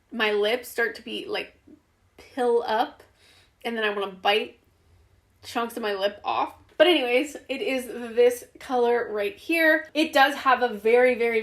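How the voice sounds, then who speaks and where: A woman giving a casual, chatty lipstick review, with fillers and restarts, her voice a bit worn. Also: a little high. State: losing her voice. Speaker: beauty vlogger.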